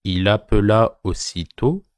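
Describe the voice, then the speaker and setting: Male teacher dictating: lowish voice, very slow phrase-by-phrase delivery, punctuation read out. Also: a little mellow, no echo, clean studio sound. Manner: dictating slowly phrase by phrase, punctuation spoken aloud. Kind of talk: dictation reading, repeated short phrases.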